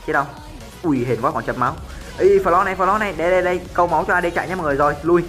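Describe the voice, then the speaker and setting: Excitable gamer guy. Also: fairly high pitch, racing. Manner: chatty, jumps to excited yelling in fights; self-mocking, cursing banter. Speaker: gameplay streamer. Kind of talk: live gameplay commentary. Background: faint background music.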